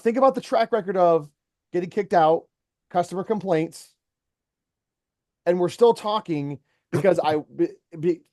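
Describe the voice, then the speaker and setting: A man's voice: high-pitched, a little mellow, dry recording, studio quality. Earnest man coaching an employee. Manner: earnest, storytelling, mentoring. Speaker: company owner coaching an employee. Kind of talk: one-on-one coaching talk.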